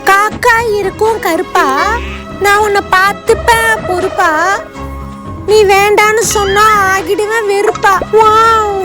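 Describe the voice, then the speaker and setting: A woman playing an excitable, giggly schoolgirl in a comedy sketch. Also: very high-pitched, a little slow. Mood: excited. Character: giggly silly schoolgirl student. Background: music.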